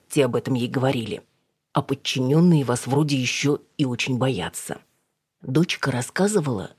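A quiet, plaintive old grandmother, as an audiobook reader puts her on, worn-down and gentle. The voice is husky and breathy and sits close and dry. She talks in a low, confiding way. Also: dry recording, lightly acted.

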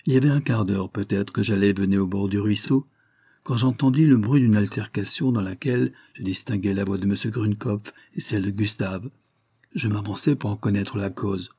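A male audiobook narrator reading a classic novel in a measured, even first-person style. His voice is mellow and dark with a husky grain, recorded dry and close with no room sound. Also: fairly low pitch, dry recording. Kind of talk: scripted storybook narration.

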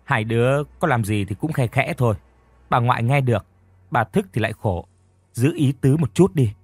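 A man's voice: mid-range voice, lively intonation, moderate pace, slightly rough, no room sound. A man voicing an anxious middle-aged mother, fretful and easily startled. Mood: hushed.

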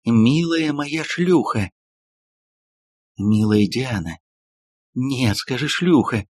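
A man's voice: mid-range voice, animated, drawn-out words, a little mellow, no room sound. A man reading an audiobook, voicing a passionate, theatrical woman novelist who gushes breathlessly to her lover. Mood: exalted.

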